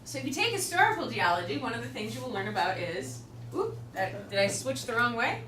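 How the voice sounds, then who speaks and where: A woman's voice: a little high, very animated, a little fast, bright, forceful tone. A woman with a Chicago accent teaching a class, chatty and joking, with many fillers. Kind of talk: classroom lecture. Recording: roomy classroom from far off with noise.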